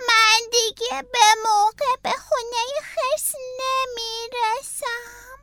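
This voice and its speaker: A woman voicing a small, timid, tearful snail who speaks slowly, drawn out and pleading. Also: very high voice, sharp tone, no echo, studio quality, voice pushed up. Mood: plaintive.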